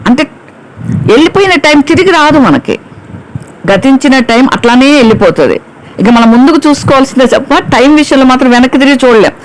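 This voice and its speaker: A woman's voice: high-pitched, expressive, a little fast, a little hiss or hum, poor audio. A woman preacher delivers a Bible sermon in an emphatic, urgent way. She hammers points home by repeating key words. Now and then she slips into short acted quotes of children and parents.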